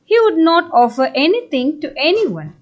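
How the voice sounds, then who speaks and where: A woman's voice: high-pitched, very animated, normal speed, dull audio. A woman teacher narrating a children's story for a school puppet show.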